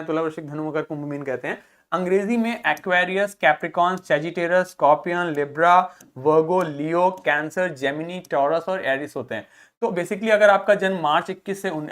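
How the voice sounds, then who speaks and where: Woman teacher drilling pronunciation slowly. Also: lowish voice. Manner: drills pronunciation by slow repetition; asks rhetorical check questions. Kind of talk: classroom vocabulary lesson.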